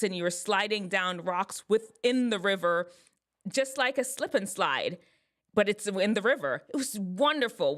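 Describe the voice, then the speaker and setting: A woman hosting an advice show, telling a personal story in a casual, expressive way. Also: mid-range voice. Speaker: host giving advice to teens.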